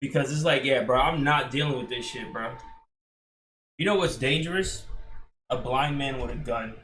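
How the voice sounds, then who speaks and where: Casual animated guy reacting to clips, bright edgy tone, faint background noise in a roomy space. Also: mid-range voice, moderate pace. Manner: animated, says "bro" often, incredulous. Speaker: streamer reacting to a video.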